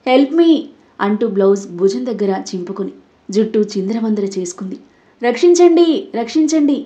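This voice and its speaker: A woman's voice: medium pitch, fairly even intonation, brisk, dark tone, natural voice. A woman doing a bold, cunning young woman. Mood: screaming. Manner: defiant, then feigning innocence.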